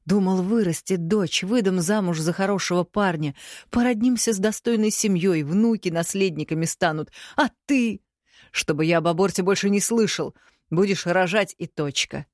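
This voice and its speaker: A domineering, harsh middle-aged father , as a woman reads him in an audiobook. He lays down orders slowly and firmly in a low voice. The sound is close and dry. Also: a little mellow, no room sound, close to an everyday voice. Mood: angry. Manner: slow commanding pronouncements.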